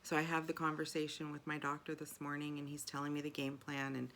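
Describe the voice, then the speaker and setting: A woman's voice: low-pitched, monotone, fast talker, fairly bright tone, slight background noise. A middle-aged woman speaking candidly and from the heart in a personal video diary, often restarting her sentences. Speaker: video journal host.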